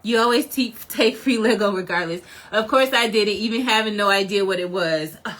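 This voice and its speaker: A woman chatting casually as a vlogger, rambling and animated and laughing often. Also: mid-range voice, fairly quick. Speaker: vlogger reviewing a series. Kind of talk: casual chat.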